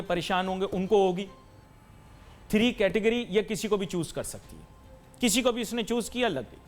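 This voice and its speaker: A man hosting a TV talk show, delivering an emphatic, lecturing monologue to viewers and mixing in English phrases. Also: high voice. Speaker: TV anchor and talk show host.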